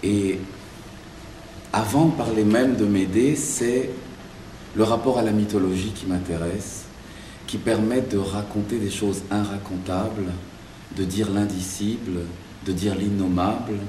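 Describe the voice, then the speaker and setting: A man with a lowish voice gives reflective interview answers, often restarting his sentences as he hunts for the right word. He sits some way from the microphone in an echoey room with a faint hiss underneath. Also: steady tone, unhurried, warm tone. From Belgium and Zaire. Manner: thoughtful, searching for words with many restarts. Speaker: playwright and director interviewed. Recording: echoey room, mic far off.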